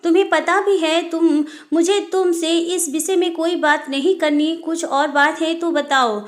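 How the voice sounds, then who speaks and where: A woman's voice: very high-pitched, steady tone, a little slow. A woman voicing a hurt, angry young wife. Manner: sharp and curt.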